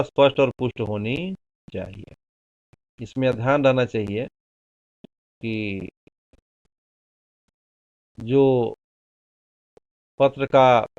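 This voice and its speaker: Male teacher giving a slow classroom lecture, mid-pitched voice, dull dry lo-fi recording. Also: no echo. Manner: slow, deliberate explaining with examples. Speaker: Hindi teacher.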